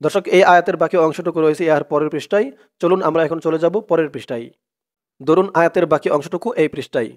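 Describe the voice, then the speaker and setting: A man teaching Quran reading, slowly spelling out each syllable and then reciting the verse melodically. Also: fairly high pitch.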